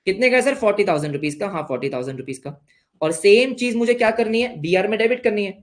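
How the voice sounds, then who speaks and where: A man's voice: high voice, animated, fast talker. A young man with an Indian accent teaching an accounts lesson, playfully asking questions and answering them himself as a student would. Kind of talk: online class lesson.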